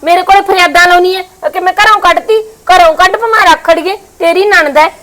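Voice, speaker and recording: A woman playing a sharp sister-in-law who bargains over land, with a Punjabi accent. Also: very high-pitched, fairly even intonation, fairly quick, slight background noise. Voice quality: tart, needling. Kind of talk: village family skit acting.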